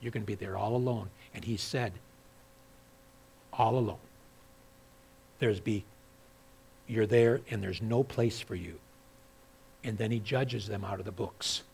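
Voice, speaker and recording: A man preaching a sermon as pastor, dropping to quiet asides and then rising loud and high when he reads scripture aloud. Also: moderate pace, vocal fry, slightly rough. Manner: swings from hushed asides to loud, high-pitched emphatic scripture reading.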